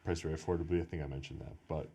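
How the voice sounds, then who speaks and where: Man, American, very deep voice, casual podcast chat, rambling storyteller. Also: steady tone, very fast, dark tone, slightly rough. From United States. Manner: rambling storyteller, heavy use of "like". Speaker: podcast host.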